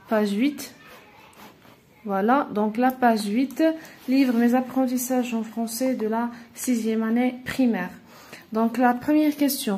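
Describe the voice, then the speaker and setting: A woman teacher with a Moroccan accent, walking through a primary school lesson and repeating words slowly for her pupils. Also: on the high side, dark tone. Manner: switches between Moroccan Arabic and French, repeats words slowly. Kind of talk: classroom lesson walkthrough.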